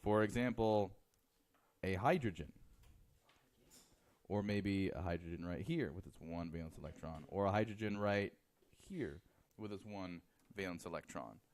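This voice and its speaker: A man's voice: deep voice, moderate pace, long pauses, a little mellow. A man teaching chemistry in a classroom, joking with students and counting aloud as he draws. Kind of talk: classroom lecture.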